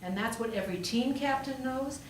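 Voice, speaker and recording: A high-pitched woman preaches at a moderate pace, telling her sermon as a conversational story with rhetorical questions and emphatic repetition. She is a pastor and also a hospital chaplain. The sound comes from a distant mic in a roomy space, with faint noise.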